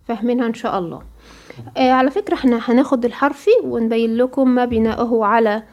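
A high-pitched woman with an Egyptian accent leads a recitation lesson. She quizzes her students and then answers the questions herself. Now and then she slowly draws out example words. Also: fairly even intonation, a little mellow. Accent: Egyptian Arabic. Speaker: Quran recitation teacher.

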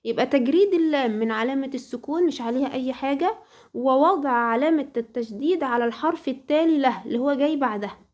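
A woman with an Egyptian Arabic accent leads a Quran recitation lesson in a high, light voice. She speaks straight to a female student and keeps posing questions, then supplies the answers herself. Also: quick pace, darkish tone. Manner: addresses a female student directly. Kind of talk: tajweed lesson.

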